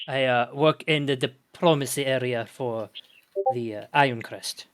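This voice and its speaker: A man voicing a very tall woman elf diplomat in a put-on Russian accent, halting and stumbling over his words. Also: mid-range voice, natural voice. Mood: matter-of-fact.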